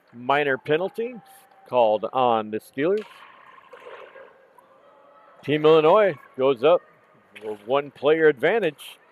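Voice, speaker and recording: A hoarse man calls a hockey game at a slow, steady pace with a slightly high voice. He is plainly losing his voice and stops now and then to correct a number or a name. Faint noise hums under the broadcast. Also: low-quality recording. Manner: calm, unhurried play-by-play with self-corrections. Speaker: play-by-play commentator. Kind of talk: live hockey commentary. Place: outdoor rink in cold weather.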